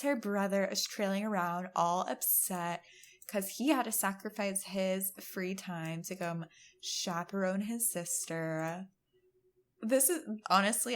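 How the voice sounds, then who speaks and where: A woman hosting a let's-play, giving chatty, giggly gameplay commentary and laughing often. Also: mid-range voice. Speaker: gaming channel host.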